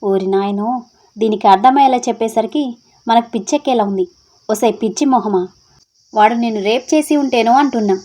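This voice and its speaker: A woman's voice: on the high side, a little fast, lightly acted. Woman doing nagging, scolding girlfriends. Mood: exasperated. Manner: loud, nagging, exasperated. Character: teasing, scolding young women friends. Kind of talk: audio story acting.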